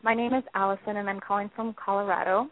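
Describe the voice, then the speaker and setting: A woman in her thirties calling in to a radio show, asking her question hesitantly with many pauses. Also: mid-range voice, level tone, no echo. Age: 30s. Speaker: caller. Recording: dry tinny phone line.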